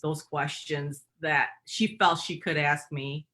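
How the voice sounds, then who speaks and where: A middle-aged woman from Michigan, USA, speaks with a Michigan accent in a low, steady voice that is bright and forceful, moving at a slow pace. She is a guest in an interview, telling personal stories in a reflective way with frequent fillers.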